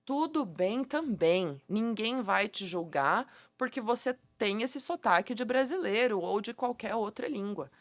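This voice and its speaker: A woman from Curitiba, Brazil, with a Curitiba accent, explaining pronunciation tips as a guest teacher in a playful, animated way and laughing often. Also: mid-range voice, measured pace, few pauses, dry recording. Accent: Curitiba Brazilian Portuguese. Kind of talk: casual podcast interview.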